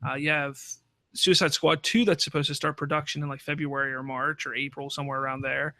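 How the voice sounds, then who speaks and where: A man hosting a podcast, chatting casually about film news in a halting way with repeated restarts. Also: on the high side, level tone, bright, forceful tone, no room sound. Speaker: podcast host.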